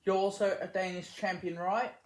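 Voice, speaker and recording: A woman's voice: medium pitch, steady tone, moderate pace. A woman hosting a talk show interview, asking her questions hesitantly with many ums and uhs. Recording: echoey room.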